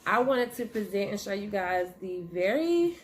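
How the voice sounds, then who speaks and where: A woman hosting her own channel, chatting casually with viewers while chewing gum, with a relaxed, friendly manner. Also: medium pitch, normal speed. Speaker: channel host. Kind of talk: casual vlog chat. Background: faint noise of her dog moving around.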